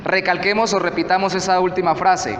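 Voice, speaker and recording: A man with a Colombian Spanish accent, a pastor preaching a sermon, reading scripture slowly and deliberately. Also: high voice, steady tone, noisy background. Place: church hall. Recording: echoey church hall, faint ambience.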